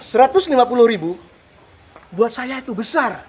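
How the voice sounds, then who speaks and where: An actor playing a harsh, rude shopkeeper neighbor who scolds a debtor, with a husky, belittling voice in a web drama. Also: male voice, very high voice, lively intonation, normal speed, a little mellow, exaggerated voice. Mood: scolding. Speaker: neighbor shop owner.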